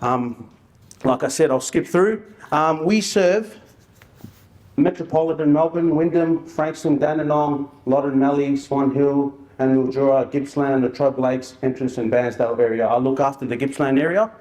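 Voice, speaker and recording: A man presents in an informal, storytelling way. His voice sits at a medium pitch, and he talks in colloquial, slangy phrases like an outreach worker sharing experience from the job. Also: normal speed, a little mellow, poor audio. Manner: colloquial and anecdotal, with slang and re-enacted dialogue.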